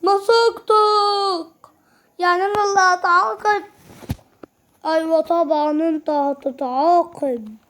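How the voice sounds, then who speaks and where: High-voiced Egyptian woman gamer. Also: moderate pace, fairly bright tone. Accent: Egyptian Arabic. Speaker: gaming YouTuber. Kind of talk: excited gameplay commentary.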